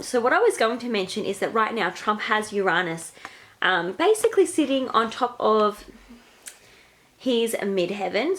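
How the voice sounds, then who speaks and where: This thirty-something astrology vlogger has a mid-range, slightly bright voice made nasal by a cold. Filmed on a handheld camera, she casually explains a reading, using many fillers.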